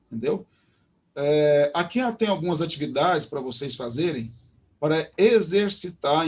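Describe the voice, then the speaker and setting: A man with a Brazilian Portuguese accent teaching an online Hebrew lesson, explaining step by step with many fillers and restarts. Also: a little high. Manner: slows down to pronounce Hebrew words. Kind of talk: online lecture.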